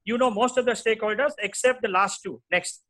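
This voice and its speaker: Indian guy doing a business presentation, pretty high sharp bright voice. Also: brisk. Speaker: company presenter.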